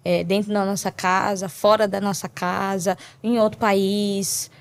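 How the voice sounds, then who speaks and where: Woman, mid pitch, casual faith chat, repeats phrases, tag questions. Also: flat delivery, unhurried.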